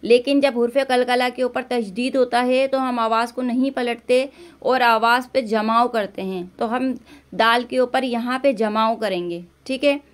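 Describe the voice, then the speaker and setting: A woman teaching Quran recitation online, patiently correcting pronunciation, repeating syllables and drawing out recited words slowly. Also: on the high side, fairly even intonation. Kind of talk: online tajweed lesson.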